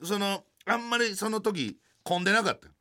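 A man with a Kansai accent telling a comic anecdote in casual talk, animated and acting out other people's voices. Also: sits high, moderate pace. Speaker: storyteller.

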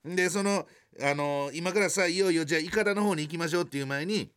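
A man with a Kansai accent telling a comic anecdote in casual talk, animated and acting out other people's voices. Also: a little high, quick pace, smooth. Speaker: storyteller.

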